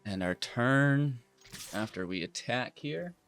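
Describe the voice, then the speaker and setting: A man's voice: medium pitch, expressive, slow, fairly bright tone, a little hiss or hum. A man giving casual, playful commentary over his own card game, teasing his opponent as he plays. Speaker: gaming video host.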